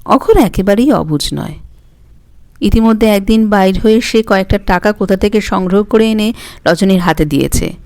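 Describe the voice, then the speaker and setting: A woman with a Bengali accent narrating a short story in a calm, even reading voice. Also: medium pitch, normal speed, no echo.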